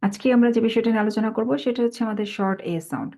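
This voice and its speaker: A woman teaching a phonics lesson, speaking Bengali and slipping into English words. She models each sound slowly and repeats it. Her delivery is patient, and she often pauses to check that the students follow. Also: fairly high pitch, fairly even intonation, dark tone.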